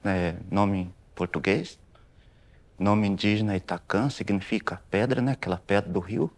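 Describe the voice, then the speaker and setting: A man in his forties from southern Brazil giving a calm, plain museum testimony. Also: lowish voice, moderate pace. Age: 40s. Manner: plain, calm, with tag questions. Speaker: interviewee.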